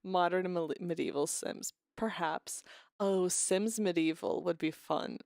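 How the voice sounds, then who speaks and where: A woman's voice: on the low side, a little slow, creaky, a little mellow, dry recording, clean studio sound. A woman streamer chatting casually with her viewers, rambling and restarting her sentences, a little unwell with a cough.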